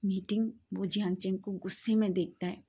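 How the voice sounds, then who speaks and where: Woman, storyteller, casual narration, mellow tone, animated delivery. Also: mid-range voice, a little fast, slightly rough. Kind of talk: fan fiction storytelling.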